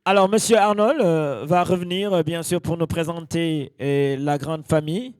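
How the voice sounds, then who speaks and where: A man playing a genial celebration master of ceremonies in a drama, announcing haltingly with many pauses. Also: fairly high pitch, clean tone, no echo, lightly acted. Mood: ceremonial.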